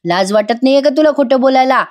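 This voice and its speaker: A woman reading an angry older father's lines aloud in a TV serial review, shouting and accusing. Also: sits high, quick pace, pitched above the performer's own voice, close to an everyday voice.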